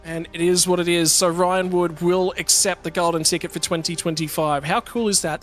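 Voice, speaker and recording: Man, lead race commentator, slightly high voice, brisk results rundown. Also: a bit bright. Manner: brisk, rattles through results lists. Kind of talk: sim racing broadcast commentary.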